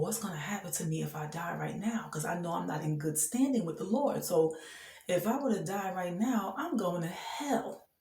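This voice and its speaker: Her voice is fairly low, gravelly and mellow, with a roomy sound around it. Casually and from the heart, she tells of her faith with earnest emphasis, laughter breaking in between ideas.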